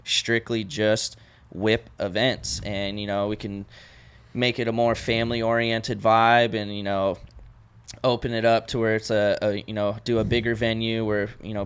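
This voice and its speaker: A man's voice: lowish voice, clean tone. A young man talking casually as a podcast guest, loose and rambling with lots of fillers. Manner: relaxed, rambling with many fillers. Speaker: podcast guest and event organizer.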